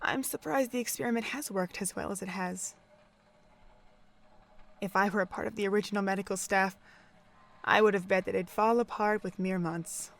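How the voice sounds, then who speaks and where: In a radio play, a woman voices a cold female pony overseer with deliberate, theatrical contempt. Her natural, mid-pitched voice carries vocal fry, and her dismissive scorn builds to intensity before easing into measured menace.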